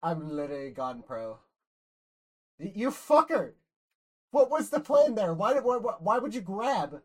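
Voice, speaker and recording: Here a woman streamer speaks at medium pitch, very animated yet a little slow. Playing a game with friends, she chats casually, curses, laughs, and stumbles through rambling restarts.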